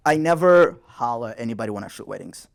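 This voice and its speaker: A man's voice: medium pitch, animated, fast talker, vocal fry. A young man co-hosting a podcast, telling a story in a laid-back, slangy, profane way. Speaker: podcast co-host. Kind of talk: casual chat.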